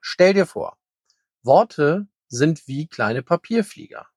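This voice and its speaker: A man voicing a very old, calm and kind grey male hare in a children's story, speaking gently and wisely. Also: on the high side, takes it slowly, breathy edge, no room sound, clean studio sound, voice pushed up, full character voice. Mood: gentle. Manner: gentle, soothing, wise.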